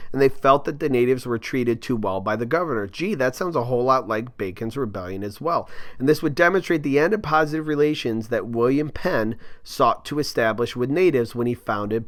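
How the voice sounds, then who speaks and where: A man's voice: mid-range voice, fairly bright tone, dry recording, studio quality. A man giving a casual, jokey history exam review lesson with slangy asides. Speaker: history teacher.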